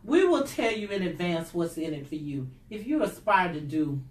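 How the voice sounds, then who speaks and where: A woman's voice: lowish voice, very animated, moderate pace, reverberant, recorded from a distance. An older woman, an author hosting a book event, giving effusive thank-yous and announcements with cheers. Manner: effusive, cheering, shout-outs. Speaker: author and host.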